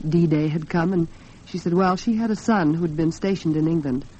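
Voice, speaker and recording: An American woman with a lowish, dark-toned voice hosts a 1940s radio talk program from a studio, chatting conversationally and speaking straight to her listeners. The broadcast recording is muffled and noisy.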